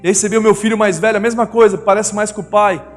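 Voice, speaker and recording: A man's voice: high voice, steady tone, very fast. A middle-aged man with a Brazilian Portuguese accent, preaching a sermon and telling family stories, acting out the voices of his wife and children. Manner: storytelling, acts out family voices. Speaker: pastor. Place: church hall. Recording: long reverb of a church hall with music.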